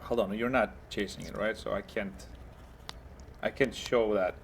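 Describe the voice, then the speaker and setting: A young man with a Russian accent chats as an interview guest, halting and full of fillers and restarts. He keeps joking as he talks. A faint background hum sits under his voice. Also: fairly low pitch, steady tone, gravelly. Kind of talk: casual interview chat.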